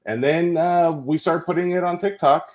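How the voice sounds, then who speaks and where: A relaxed man telling a story. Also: a little high, moderate pace. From Tennessee. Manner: relaxed storyteller, many fillers and asides. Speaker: podcast guest. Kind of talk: casual interview chat.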